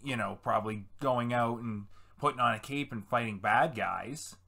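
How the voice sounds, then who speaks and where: A man's voice: medium pitch, normal speed, creaky, sharp tone. A young man playing an obsessive movie fanboy and reviewer who rants profanely about films. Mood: ranting. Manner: ranting, profane hot takes. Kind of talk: short film acting.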